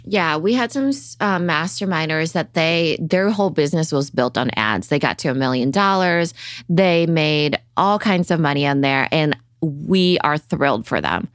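A woman's voice: low voice, lively intonation, normal speed, dry recording, studio quality. A woman co-hosting a marketing podcast, talking emphatically and casually. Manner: emphatic, leans on "right?" and "you know". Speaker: podcast co-host.

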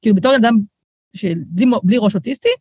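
A middle-aged woman, a guest author telling lively stories in a casual podcast chat, acting out quoted voices and often restarting her sentences. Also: mid-range voice, slightly rough, no room sound, studio quality.

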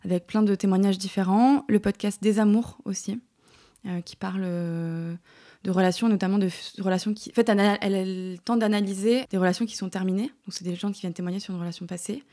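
A woman's voice: mid-range voice, fairly even intonation, brisk, mellow. A woman in her thirties chatting as a podcast guest, with many fillers and words that trail off to near-whispers. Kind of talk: casual interview chat.

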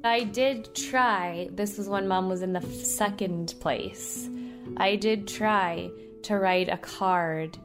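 A woman's voice: mid-range voice, takes it slowly, over music. A woman recalling her mother in a reflective, slightly hesitant way. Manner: reflective, hesitant with small restarts. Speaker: family member sharing memories. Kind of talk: personal storytelling.

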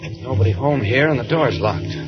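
An actor playing a mild, polite but persistent reporter in a radio drama, questioning hesitantly or thinking aloud. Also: male voice, medium pitch, expressive, brisk, over loud music, natural voice. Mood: puzzled, musing. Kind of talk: 1940s radio acting. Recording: muffled vintage radio recording.

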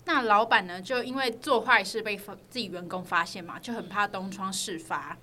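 A woman's voice: mid-range voice, moderate pace, bright, forceful tone, a little hiss or hum. A woman with a Taiwanese Mandarin accent tells a true crime story as a podcast host, in a conversational narrator's style.

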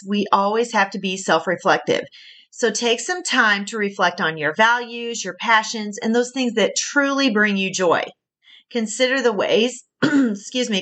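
A woman's voice: mid-range voice, a bit bright. A middle-aged woman with a Southern US accent hosting a faith-based podcast, earnest and encouraging, laughing at her own slips. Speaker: podcast host and career coach.

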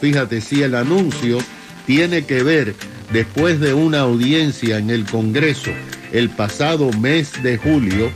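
Slow-paced man reading radio news over music. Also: medium pitch. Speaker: radio co-host. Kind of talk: radio news segment, explaining to co-host. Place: radio studio. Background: music bed.

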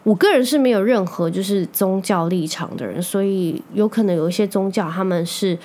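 Chatty woman telling animated stories. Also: mid-range voice, a little fast. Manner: chatty, animated storytelling with quoted outbursts. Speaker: podcast host. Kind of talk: casual solo chat.

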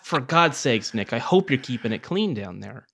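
A man's voice: mid-range voice, sing-song, normal speed, creaky, fairly bright tone, breathy edge. A man chatting casually as a podcast guest, with a crude, joking way of talking. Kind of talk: casual comedic chat.

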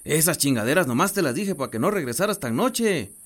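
A man with a Mexican accent acting a gruff rural uncle who is secretly the devil, calming his nephew in a coarse way in a radio drama. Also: fairly high pitch, brisk. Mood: soothing. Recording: drama with loud music score.

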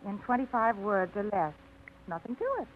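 In a 1950s radio drama, an actress with a natural, mid-range voice plays a wry, independent young woman fed up with routine and possessed of a dry wit. She speaks at a moderate pace. The sound is a tinny old radio broadcast with slight background noise.

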